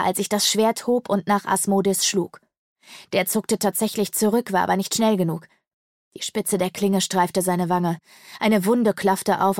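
Give me a woman narrating a first-person fantasy audiobook, mid pitch, dry close recording. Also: no echo.

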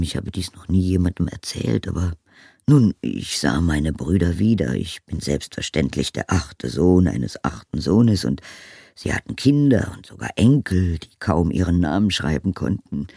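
A man's voice: a bass voice, vocal fry, breathy edge, no room sound, studio quality, exaggerated voice. Knallwinkel: a man voicing a blustery old wizard. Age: older. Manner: bluff, boastful and loud. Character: boastful old male wizard chief, blustery and proud. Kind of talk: audiobook character reading.

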